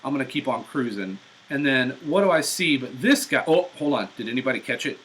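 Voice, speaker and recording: A man's voice: medium pitch, lively intonation, fairly quick, a bit bright, rough recording. A man ranting profanely and in exasperation during a live-stream driving vlog, recorded in a car on a portable device's built-in mic. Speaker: vlogger.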